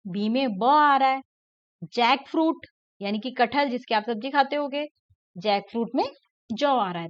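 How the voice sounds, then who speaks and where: Explaining a textbook lesson to young children, a high-pitched woman teacher patiently covers first-grade English, repeating letter sounds and words and mixing English words into her Hindi explanation. It's a dry, slightly dull lo-fi recording.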